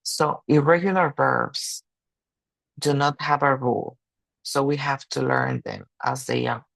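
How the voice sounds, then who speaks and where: A man's voice: mid-range voice, fairly even intonation, vocal fry, fairly bright tone, no room sound, poor audio. A man teaching an online grammar lesson, explaining patiently in two languages with small restarts. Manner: slow and patient, switching between Spanish and English, with restarts. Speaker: English teacher.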